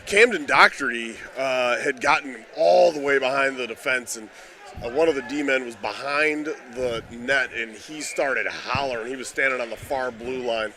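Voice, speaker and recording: A man giving casual hockey color commentary, joking with his partner and cheering loudly when his team scores. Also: mid-range voice, normal speed, a crowd in the background.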